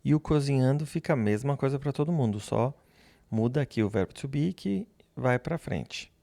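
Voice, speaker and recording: A man teaching English grammar, speaking slowly and patiently, repeating example phrases and pausing so learners can answer. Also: mid-range voice, lively intonation, gravelly, mellow, no room sound. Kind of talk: slow, patient classroom explanation.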